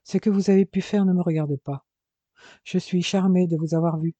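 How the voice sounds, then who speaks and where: A man's voice: high voice, steady tone, normal speed, mellow, dry recording, highs cut off, voice pushed up, close to an everyday voice. A man voicing a smug, cunning newlywed. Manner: nonchalant, condescending.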